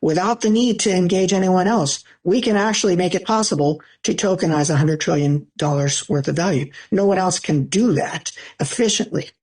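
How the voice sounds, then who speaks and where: A woman with a slightly low voice explains business matters like a senior finance executive. Her delivery is measured, formal and corporate. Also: a little mellow.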